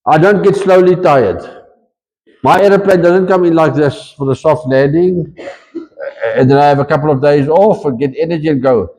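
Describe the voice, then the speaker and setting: A South African man preaching in a lively, conversational way, switching between English and Afrikaans as he goes. His voice sits high for a man, and it rings with the long reverb of a church hall. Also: normal speed. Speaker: pastor. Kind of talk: sermon.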